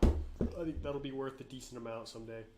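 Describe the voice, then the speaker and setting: Sick but relaxed, a man runs a casual live stream, welcoming viewers by name. His mid-range voice comes out a bit nasal and a little fast, broken up by frequent throat clearing.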